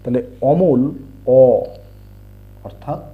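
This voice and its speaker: A man teaching English letter sounds, spelling words out and repeating the sounds slowly. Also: a little high. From India. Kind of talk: slow explanatory lesson. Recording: dull lo-fi home recording.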